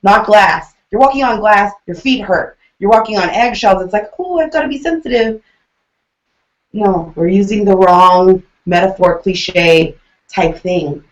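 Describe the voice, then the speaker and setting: Animated, jokey woman recap host. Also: medium pitch, measured pace. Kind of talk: casual TV recap chat. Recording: roomy, dull lo-fi recording.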